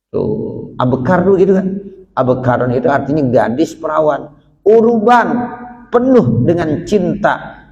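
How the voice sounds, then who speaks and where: A man's voice: mid-range voice, darkish tone. A male preacher giving a colloquial, storytelling sermon, acting out quoted voices and chanting Arabic verses. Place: prayer hall. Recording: echoey hall.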